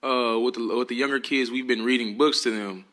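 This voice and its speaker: A teenage high school football player answering interview questions politely and earnestly. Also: male voice, steady tone, fairly quick, a bit bright. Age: teens.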